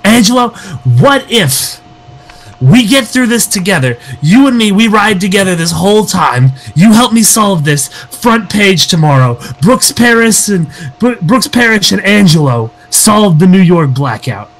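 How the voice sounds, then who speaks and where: A man voicing a self-serving male reporter who pitches a deal in a wheedling, persuasive way. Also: animated, measured pace, faint music behind, full character voice, low-quality recording.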